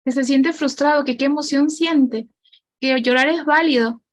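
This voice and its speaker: A woman's voice: high voice, moderate pace. A woman facilitating an online group discussion on parenting over a video call, encouraging others to speak.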